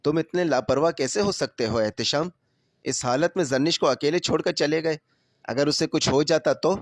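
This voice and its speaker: A man's voice: fairly high pitch, dry recording, clean studio sound. A man voicing a stern older father speaking harshly in a storybook reading. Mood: angry. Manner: harsh and heavy.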